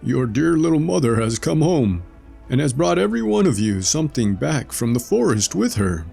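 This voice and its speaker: A man's voice: medium pitch, very animated, normal speed, gravelly, warm tone, husky, faint music behind, pitched above the performer's own voice, exaggerated voice. A man voicing a sly, deceiving male wolf in a read-aloud storybook, falsely sweet and wheedling.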